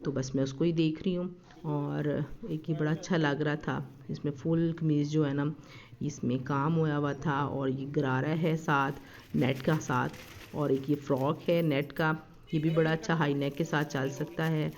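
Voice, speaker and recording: In a slightly dull lo-fi recording, a family lifestyle vlogger gives casual voice-over narration of her family's shopping and dining. Her voice is low, darkish and flat, with an unhurried pace. She sounds chatty and homely, uses lots of fillers, and her throat seems a little sore.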